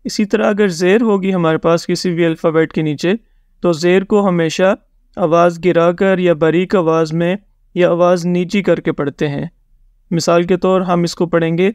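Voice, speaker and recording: Male teacher for a beginner reading lesson. High, smooth voice, dry close sound. Patient, repeats rules, sounds out examples slowly. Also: a little mellow, no room sound. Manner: patient, repeats each point and checks in often; mixes English words into his teaching. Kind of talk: step-by-step recorded lesson.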